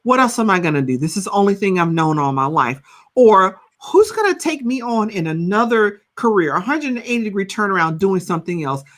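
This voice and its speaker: A woman's voice: mid-range voice, fairly quick. A woman in her fifties, a counselor and coach, talking animatedly in a podcast interview and often checking in with "right?". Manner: animated storytelling, rhetorical "right?".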